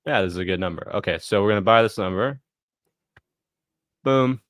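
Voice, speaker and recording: Sharing his screen live, a man walks through a software demo in a relaxed way, narrating his clicks and tossing in "boom" after steps. His pace is a little fast, and the audio is studio quality without any echo.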